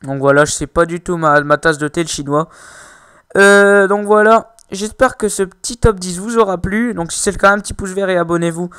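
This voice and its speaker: Young man, casual outro, hesitant, apologetic, frequent fillers, smooth clear voice, dry close recording. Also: high voice, moderate pace, fairly bright tone, no echo. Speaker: gaming video creator.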